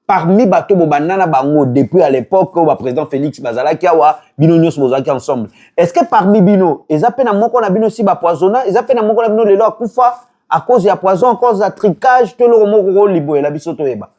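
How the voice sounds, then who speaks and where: A man's voice: high voice, fast talker, warm tone. A man, hosting an interview, asking probing questions and steering the guest back to the topic. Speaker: interviewer, web TV host.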